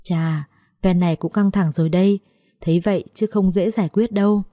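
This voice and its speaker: A woman narrating a story in a steady, expressive reading. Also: lowish voice, a little fast, dry recording, studio quality.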